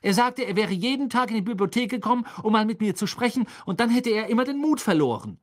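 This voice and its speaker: A reader voicing an indignant teenage girl witch, quick, defensive, very high, lively pitch.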